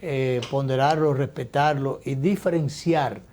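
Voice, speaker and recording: Man, mellow tone, talk show host, political commentary, reflective, hesitant restarts. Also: medium pitch, steady tone, measured pace, a little hiss or hum.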